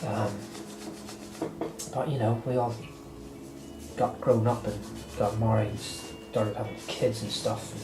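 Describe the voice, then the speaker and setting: A man's voice: on the low side, steady tone, slow. A man in his late thirties, a little stuffy from a cold, talking casually and reflectively with lots of fillers while he works. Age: 30s. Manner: rambling and reflective, many fillers. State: slightly congested from a cold. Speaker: guitar channel host. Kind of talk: casual rambling talk while working. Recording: echoey room with loud music behind.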